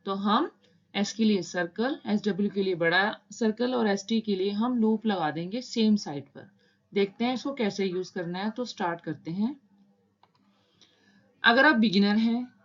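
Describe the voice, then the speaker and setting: A woman teaching a shorthand lesson, walking through each step patiently and repeating the key points. Her voice sits at a middle pitch, and the recording is slightly dull and lo-fi. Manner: patient, repeats steps, mixes English terms into Hindi. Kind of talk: step-by-step lesson explaining while writing.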